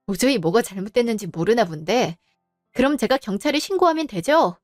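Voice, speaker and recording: A woman's voice: on the high side, lively intonation, darkish tone, no echo, studio quality, faint music behind, lightly acted. Woman playing a firm, wronged daughter-in-law. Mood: indignant. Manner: polite but firm, measured.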